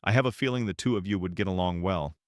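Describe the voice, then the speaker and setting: A man's voice: low voice, fast, no room sound, clean studio sound, lightly acted. A man voicing a cold, commanding young nobleman who speaks curtly. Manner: curt and cold.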